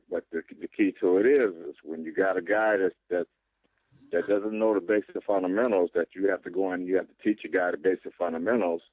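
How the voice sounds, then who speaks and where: Over dry, muffled call audio, a low-voiced man who trains boxers gives plain interview answers, repeating words along the way.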